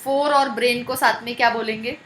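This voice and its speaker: A woman's voice: a little high, fairly even intonation, fairly quick, fairly bright tone, slight background noise, rough recording. A woman teacher with an Indian accent, giving a live online biology class and spelling out terms letter by letter.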